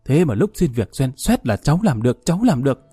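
A man voicing a fat, abusive middle-aged woman who owns a restaurant and scolds crudely and fast. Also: mid-range voice, big pitch swings, dark tone, breathy edge, no room sound, faint music behind. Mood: scolding.

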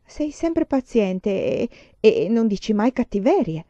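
Brief: impulsive teenage girl, voiced by a woman reading aloud, emphatic, mellow tone, dry audio. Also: on the high side, very animated, a little slow, dry recording, muffled recording. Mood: earnest.

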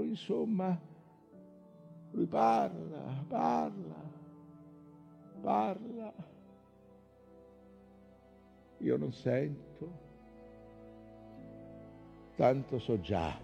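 An actor playing an old, weary, obsessed whaling captain in a brooding, halting theatrical monologue that swings between murmurs and impassioned outcries. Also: male voice, medium pitch, creaky, warm tone. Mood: brooding, wistful, then grieving, bitter.

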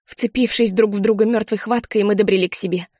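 A woman narrating a first-person story as an audiobook, measured and expressive. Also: mid-range voice, no room sound, studio quality. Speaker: audiobook reader.

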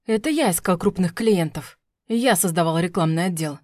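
A man's voice: high voice, moderate pace, dry recording, studio quality, natural voice. Woman voicing a furious abusive husband. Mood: bitter rage. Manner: shouting, threatening. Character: violent, furious husband, young adult man. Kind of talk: audiobook character voice.

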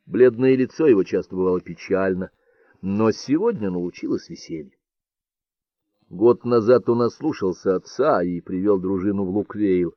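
Low-voiced male audiobook narrator. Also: moderate pace, no room sound, dull audio. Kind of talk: scripted narration.

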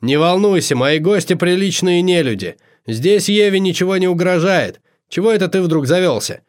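A man's voice: high voice, expressive, normal speed, pitched above the performer's own voice. A man voicing a theatrical male host of a party of nonhumans, announcing in a raised, showy voice.

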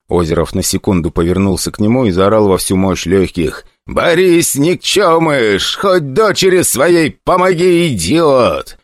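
Man narrating an animated fantasy audiobook. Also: deep voice, no room sound, studio quality.

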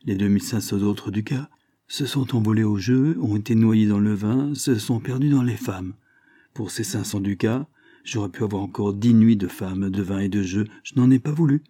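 A man's voice: on the low side, moderate pace, mellow, no echo, clean studio sound, natural voice. A man reading aloud and voicing a bold, cold young man from the Calabrian mountains, with an intense, rising delivery. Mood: cold menace.

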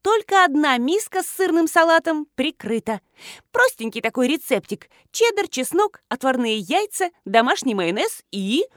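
A woman's voice: high voice, very animated, normal speed, no room sound, studio quality, voice pushed up. A woman voicing a fussy, cheerful woman who fawns over her husband and chirps eagerly. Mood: excited. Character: fussy cheerful woman, doting fake wife.

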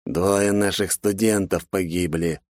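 A bossy, scolding academy director, as a male narrator puts him on barks his orders and stretches out words for weight. His voice sits a little higher than the reader's own, slightly low for a man and very dry, with no room around it. He sounds like a man used to being obeyed. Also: no echo, natural voice. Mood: stern. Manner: barking, scolding, drawn-out emphasis. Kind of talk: audiobook character voice.

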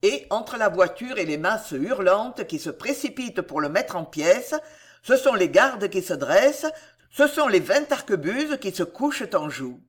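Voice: mid-range voice, sing-song. A reader narrating a historical novel in a dramatic, storytelling manner. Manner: slow, theatrical storytelling. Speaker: audiobook narrator.

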